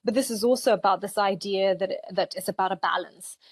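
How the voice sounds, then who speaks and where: A woman's voice: medium pitch, fairly quick, husky, no echo. A woman in her forties from Zambia, a dietitian talking conversationally in a podcast interview, with many "you know" fillers. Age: 40s. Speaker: dietitian guest.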